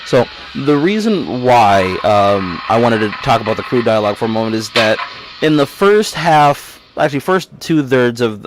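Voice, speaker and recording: A man with a mid-range voice hosts a casual livestream, recorded with no room sound. He rambles along, reading viewers' chat aloud, full of restarts and fillers.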